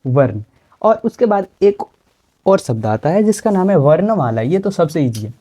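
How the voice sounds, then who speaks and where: Low, mellow-voiced woman teaching grammar. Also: muffled recording. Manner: explains step by step, asks and answers her own questions. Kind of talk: classroom grammar lesson.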